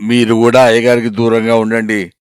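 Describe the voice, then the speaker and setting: A man's voice: medium pitch, monotone, brisk, clear, resonant tone, no room sound, clean studio sound, pitched below the performer's own voice, lightly acted. A man voicing a frightened young village housemaid with rustic speech. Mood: worried.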